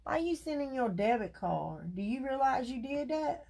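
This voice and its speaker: A woman with a high but gravelly, dark-toned voice hosts a crafting livestream, chatting with viewers directly in a folksy, casual way. She is expressive and speaks at a moderate pace.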